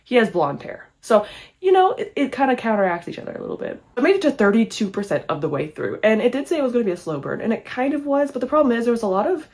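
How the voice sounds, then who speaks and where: A woman's voice: a little high, sing-song, fast, darkish tone. A young woman reviewing books in a casual vlog, chatty with lots of "like" fillers and wry, sarcastic asides. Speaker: book reviewer.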